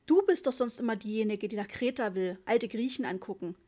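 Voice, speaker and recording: Fretful mother on holiday, played by a woman, shrill, complaining, pitched up high. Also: expressive, brisk, a little mellow. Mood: indignant. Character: fretful, indignant middle-aged mother on holiday.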